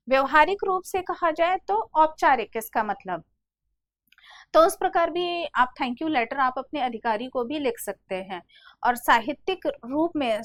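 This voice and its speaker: Middle-aged female teacher, high voice, dry close sound, patient explainer for online exam prep. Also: no echo. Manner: explanatory, addresses students as "beta". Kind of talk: exam-prep Hindi lesson.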